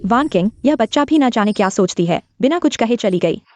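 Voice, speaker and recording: A middle-aged woman playing a proud, scolding mother in a dubbed drama, with a sharp tone. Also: on the high side, expressive, fairly quick, dry recording, faint music behind, lightly acted. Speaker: mother of the heroine.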